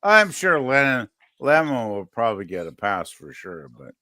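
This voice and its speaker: A man co-hosting a casual live stream, joking sarcastically in lively banter. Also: mid-range voice, moderate pace. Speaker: podcast co-host.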